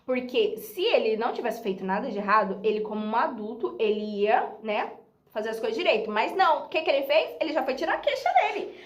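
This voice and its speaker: A woman's voice: fairly high pitch, big pitch swings, fairly quick. A young Brazilian woman with a Brazilian Portuguese accent, telling a story to her viewers in a chatty, dramatic way and laughing often. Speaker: YouTuber. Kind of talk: casual storytelling vlog. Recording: roomy echo.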